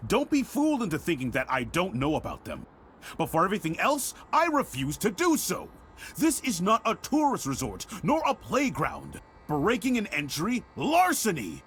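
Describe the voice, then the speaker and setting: A man's voice: mid-range voice, a little hiss or hum. An actor playing a stern middle-aged director of a girls' home, formal and scolding, in a dramatic video game scene. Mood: controlled, stern.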